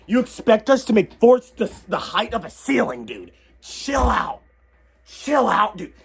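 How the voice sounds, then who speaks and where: A young man, hoarse from losing his voice, ranting in excitable yells with sudden quiet asides for a comedy vlog. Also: high voice. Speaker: comedy vlogger. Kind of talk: comedic tier-list rant.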